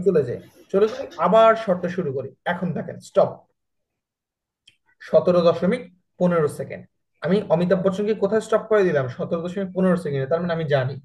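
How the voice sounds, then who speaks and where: A man's voice: high-pitched, a little mellow, poor audio. A man with a Bangladeshi Bengali accent teaching a video editing class, chatty, often checking that students follow and mixing in English words. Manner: chatty, asks students frequent check questions; mixes English words into his talk. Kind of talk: screen-share tutorial class.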